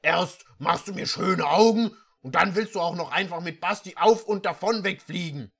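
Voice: mid-range voice, moderate pace, a bit bright, slightly rough. A reader voicing a possessive, brooding male half-unicorn prince, pushy and commanding in a mock-dramatic reading.

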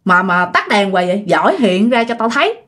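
A gruff male night guard, as a woman storyteller puts him on dares an unseen presence to show itself. He speaks with a challenging, irritated manner. His voice swings up and down in a lively way. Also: medium pitch, brisk.

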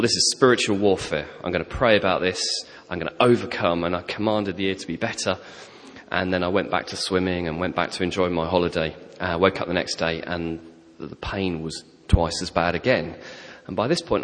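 Low-voiced preacher telling his story, echoey church hall. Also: a little fast. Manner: storytelling, animated, self-deprecating humour. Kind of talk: sermon testimony. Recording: long hall reverb.

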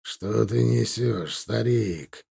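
A man voicing a cruel, scornful warlord who speaks in a slow, contemptuous drawl. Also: lowish voice, vocal fry, dark tone, husky, full character voice. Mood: cold menace. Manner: slow, drawn-out, contemptuous delivery. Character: cruel, scornful male warlord, cold and menacing.

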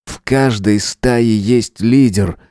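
A man's voice: on the low side, slow pace, dark tone, dry recording, studio quality. A man reading an audiobook voices a cold, contemptuous armed man who barks orders and sneers.

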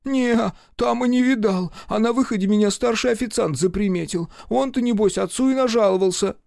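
A man's voice: high voice, a little fast, gravelly, darkish tone, no echo, studio quality, pitched above the performer's own voice. A man voicing a frightened young male waiter who whines and pleads in folksy speech, in an audiobook. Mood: pleading.

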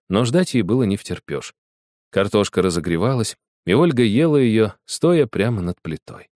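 Lively low-voiced male storyteller. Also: no room sound, studio quality. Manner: expressive storyteller who acts out dialogue. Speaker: narrator. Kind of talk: audiobook storytelling.

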